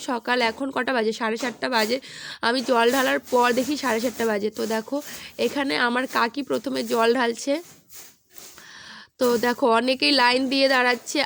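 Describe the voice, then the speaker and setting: A woman vlogger with a hoarse, feverish voice, narrating a voice-over while lying down and talking chattily to her viewers. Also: fairly high pitch, a little hiss or hum. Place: indoors at home, lying in bed.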